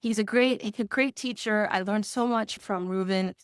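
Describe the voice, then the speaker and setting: This testimonial comes from a music course student whose mid-range voice is clean in tone and moderate in pace. The audio is studio quality with no room sound. She answers the interviewer's questions chattily, full of enthusiasm and frequent chuckles as she explains.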